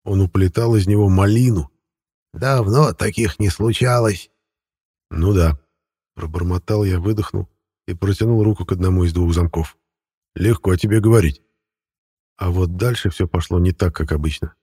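A man narrating an audiobook in the first person with a wry, even storytelling manner. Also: low-pitched, brisk, breathy edge, no room sound, clean studio sound.

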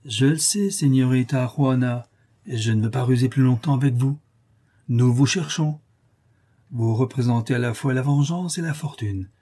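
A man's voice: medium pitch, moderate pace, warm tone, lightly acted. A man doing a mocking bandit chief. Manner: sneering, mock-polite.

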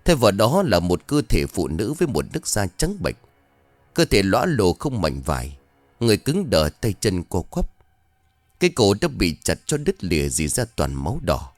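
Low-voiced man narrating horror. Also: wildly swooping pitch, normal speed, dry recording, soft background music. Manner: dramatic, building tension. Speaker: story narrator.

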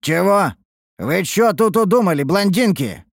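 A man voicing a brash, mocking young human man in an audiobook, rough and scornful, with coarse slang. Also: fairly high pitch, big pitch swings, moderate pace, no room sound, clean studio sound, voice pushed up. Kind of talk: audiobook character voice.

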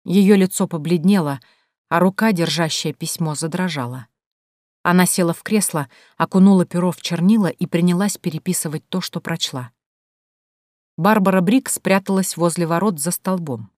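Female audiobook narrator, low voice, dry close mic. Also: brisk, darkish tone, no echo. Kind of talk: scripted narration.

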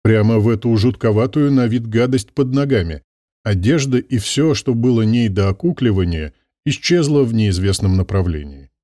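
Low-voiced, lively male audiobook narrator. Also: moderate pace, no echo, clean studio sound. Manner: expressive reading. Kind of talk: scripted narration.

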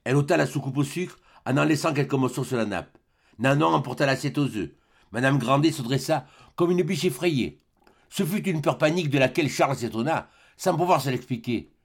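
A man reading a classic novel aloud as an audiobook, in a measured, steady manner. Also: medium pitch, vocal fry, husky.

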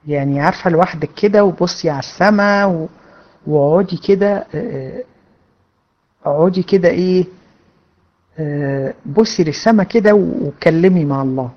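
A woman's voice: fairly low pitch, a little fast, a little mellow, dull audio. A woman with an Egyptian Arabic accent, a religion teacher, reads out students' questions and answers them in a casual, conversational way. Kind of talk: casual Q&A lesson.

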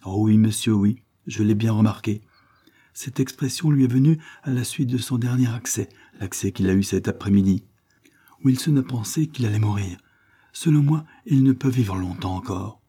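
A man's voice: lowish voice, normal speed, mellow, slightly rough. A man reading aloud, voicing a grieving young governess who pleads with trembling emotion. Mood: anxious tender. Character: grieving governess, a young woman hiding her sorrow.

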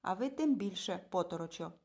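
A woman's voice: on the low side, lively intonation, fairly quick, creaky, a little mellow, breathy edge, heavily acted. A woman voicing a smug, bossy man who gives orders in a condescending tone. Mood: commanding. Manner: commanding, condescending. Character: smug, bossy man, a cold official in glasses.

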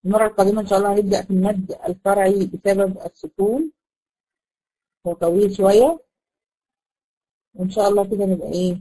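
A woman with an Egyptian Arabic accent teaching a tajweed lesson to a class of girls, patiently asking questions and drawing out example words slowly. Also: medium pitch, warm tone, low-quality recording. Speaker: Quran recitation teacher.

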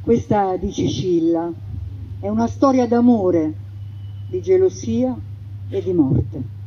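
A woman with a medium-pitched voice tells a stage story theatrically and emphatically, swinging between loud and hushed passages. She speaks slowly, heard over a radio broadcast with dull audio and background noise.

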